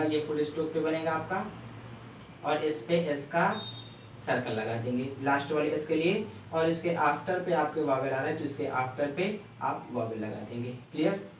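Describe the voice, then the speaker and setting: A man teaching a shorthand lesson step by step, often stopping to ask if it is clear. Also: on the high side, a little hiss or hum. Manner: explains step by step, keeps checking "clear?". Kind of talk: classroom lecture. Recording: echoey room, mic far off.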